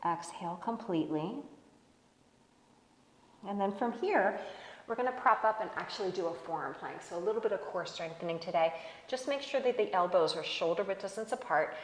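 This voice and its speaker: A woman teaching a slow-flow yoga class, giving calm, encouraging cues and laughing off small mishaps. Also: fairly low pitch. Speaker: yoga instructor. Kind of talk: guided yoga class instruction. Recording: echoey room with long reverb.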